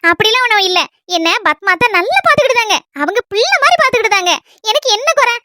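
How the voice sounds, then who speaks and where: A woman doing a chatty young granddaughter, very high. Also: expressive, quick pace, sharp tone, no echo, clean studio sound, full character voice. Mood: reassuring. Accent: Kanyakumari Tamil. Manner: chatty, reassuring. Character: cheerful young married granddaughter. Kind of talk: cartoon voice acting.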